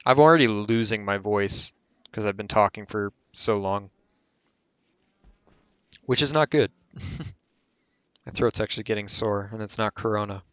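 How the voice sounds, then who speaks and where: A man's voice: on the low side, measured pace, long pauses, a bit bright, clean tone, no room sound. A man hosting a casual gameplay tutorial who rambles and corrects himself mid-sentence as he explains. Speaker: game tutorial host.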